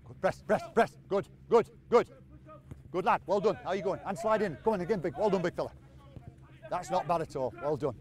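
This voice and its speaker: High-voiced football coach. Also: male voice, a little fast. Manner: encouraging, repeats short commands. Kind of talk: on-field coaching instruction. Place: outdoor training pitch.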